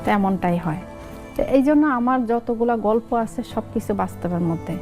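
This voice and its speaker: Woman in her forties, Noakhali Bengali accent, somewhat high voice, lively guest who slips into dialect to act out family scenes, faint music under her. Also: moderate pace. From Noakhali region, Bangladesh. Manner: animated, acts out family dialogues in dialect. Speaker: content creator guest. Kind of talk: casual interview chat.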